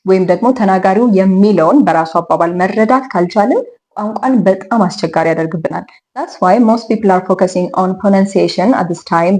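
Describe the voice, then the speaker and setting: A woman's voice: medium pitch, a little mellow. A woman whose first language is Amharic, teaching English contractions, repeating each example sentence twice and switching into Amharic explanations.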